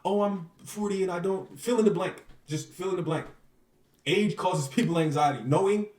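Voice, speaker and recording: His voice sits high with a darkish tone, at a moderate pace, and he's positioned away from the mic in an echoing room. He's a manifestation coach being interviewed casually, earnest and repetitive, looping back over points, using fillers, and checking in with whoever's listening.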